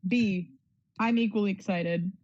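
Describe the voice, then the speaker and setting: Mellow, teasing woman game master. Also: mid-range voice, unhurried, muffled recording. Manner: teasing, laid-back, swears casually. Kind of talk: casual group chat.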